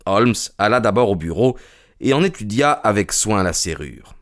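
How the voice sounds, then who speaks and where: A man reading an audiobook narration in an even, composed storytelling manner. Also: fairly low pitch, normal speed.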